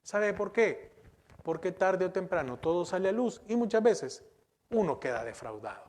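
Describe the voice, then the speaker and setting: Emphatic preaching pastor, rather high voice. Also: male voice, animated, moderate pace, a little mellow. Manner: preaching with rhetorical questions to the congregation; emphatic, repeats words and restarts. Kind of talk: sermon.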